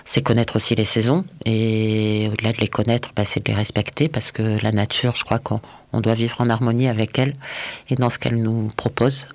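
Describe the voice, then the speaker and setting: A man's voice: lowish voice, little pitch movement, fairly quick, no room sound. A man from France, a restaurant chef, answering interview questions in a thoughtful, hesitant way with many fillers.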